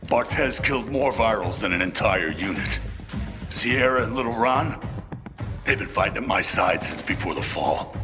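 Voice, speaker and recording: A man voices a bitter army lieutenant who is furious and grieving, angry, sarcastic and cursing a lot. His fairly low, natural voice is expressive at a moderate pace, recorded in a reverberant cutscene with music.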